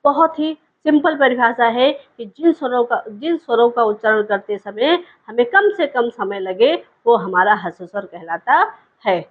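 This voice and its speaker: A woman's voice: fairly high pitch, moderate pace, phone-quality sound. A woman teaching a grammar lesson, asking questions and answering them herself, repeating key points, and stretching vowel sounds to show them. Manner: drags out vowel sounds to demonstrate.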